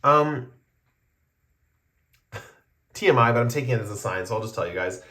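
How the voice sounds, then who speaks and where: A man's voice: medium pitch, expressive, moderate pace, pushed and bright. A man doing a casual pick-a-card tarot reading, explaining his cards to viewers in a meandering, conversational way. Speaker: tarot reader.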